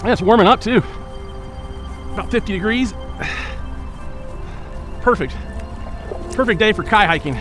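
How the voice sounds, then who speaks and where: A man narrating casually from his kayak on a flooded river, explaining paddling tips in a relaxed way, recorded outdoors on a boat-mounted action camera. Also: high voice, unhurried, long pauses. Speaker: kayaking vlogger. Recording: loud ambient music under the voice.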